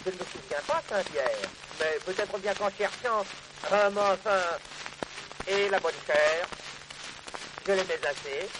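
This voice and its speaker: Man declaiming a poem, highish voice, slow and stagey, hissy old record. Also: lively intonation. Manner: theatrical, declaiming. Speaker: reciter. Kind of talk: dramatic poetry recitation.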